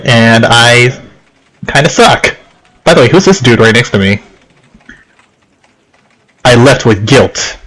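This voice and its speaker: With a medium pitch and a slightly bright tone, a let's play host from Okinawa, Japan, talks over game music in low-quality audio. He giggles, rambles and puts himself down while commenting on the game and reading on-screen text.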